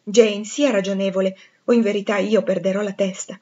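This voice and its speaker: Rochester-like: a proud, passionate gentleman, as a woman reads him in an audiobook, intense and pleading. Her mid-pitched voice keeps its own sound. The recording is dull and lo-fi. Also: fairly even intonation, fairly quick, close to an everyday voice. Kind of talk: audiobook reading.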